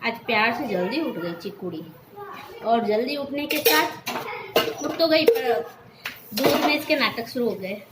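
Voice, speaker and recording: A woman's voice: fairly high pitch, lively intonation, very noisy. A young woman, a mother narrating her family's morning routine in a casual, bustling vlog. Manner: bustling and hurried, talks to viewers while cooking. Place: home kitchen. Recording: echoey room with clattering dishes.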